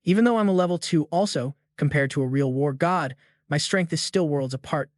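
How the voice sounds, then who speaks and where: An ice-cold young fighter who speaks with calm contempt, read by a man. The tone is a touch high and the recording dry and close. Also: brisk, no echo, natural voice.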